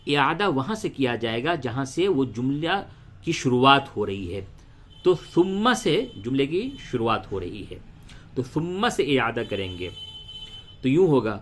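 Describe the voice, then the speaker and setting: A man teaching Quran recitation rules, patiently repeating each point step by step and slowly chanting verses. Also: medium pitch. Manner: slow melodic chanting when reciting verses. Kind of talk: tajweed lesson, spelling out letters and reciting.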